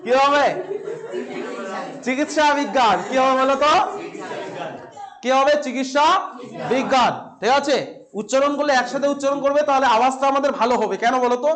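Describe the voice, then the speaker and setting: A man's voice: very high voice, fairly quick, long pauses, a crowd in the background. A man with a West Bengal Bengali accent teaching an exam-prep class in a filmed classroom. He quizzes his students, repeats each answer and adds playful asides.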